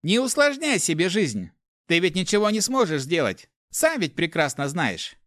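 A man's voice: high-pitched, very animated, normal speed, a bit bright, no echo, studio quality, voice pushed up. A man voicing a cheeky young male thief in an audiobook, taunting him in a sing-song way. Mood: coaxing. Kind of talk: audiobook character voice.

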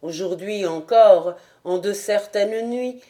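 A woman reading a legend aloud as an audiobook narrator, with dramatic, expressive storytelling. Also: medium pitch, slow. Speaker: audiobook reader.

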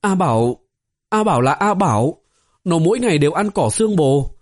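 Guy doing a scared teary girl disciple, tiny trembly voice, pitched way up. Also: animated, moderate pace. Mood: timid. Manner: meek, small trembling voice. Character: timid tearful young female disciple.

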